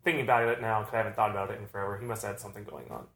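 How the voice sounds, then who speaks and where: A man in his thirties from Arizona, a BMX rider co-hosting a casual chat, tells loose, laid-back, rambling stories about riding. His lowish voice is rapid-fire with vocal fry and a bit bright, captured in an echoey room.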